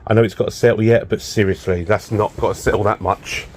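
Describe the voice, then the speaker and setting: A man's voice: lowish voice, steady tone, fast, a little mellow, slight background noise. A man vlogging while working on his car in a home garage workshop, exasperated and swearing when things go wrong, a bit out of breath. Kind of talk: casual workshop vlog.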